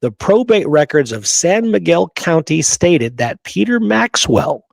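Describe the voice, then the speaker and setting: His voice is a little high, swinging widely in pitch, with vocal fry and an unhurried pace. Hosting a history show, he presents his research with emphasis, partly from prepared notes, and frequently tosses in a rhetorical "right" or "okay" to check in with listeners. The recording is dry.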